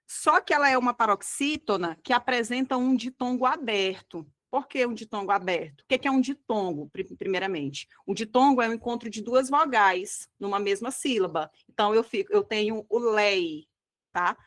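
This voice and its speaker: A woman's voice: on the high side, animated, a bit bright. Brazilian woman teaching, didactic and patient. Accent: Brazilian Portuguese. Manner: didactic, checks in often with "tá?" and "tá bom?"; slows down to stress key words. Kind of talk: online exam-prep lesson.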